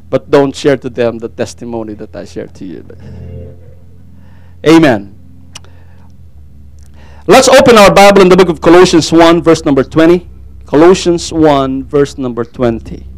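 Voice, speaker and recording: With a fairly high, darkish voice, a middle-aged Filipino pastor preaches a little slowly, pausing often, and recounts his testimony. He's from the Philippines, speaks Tagalog as his first language, and earnestly repeats amen and praise God. Faint music plays behind him.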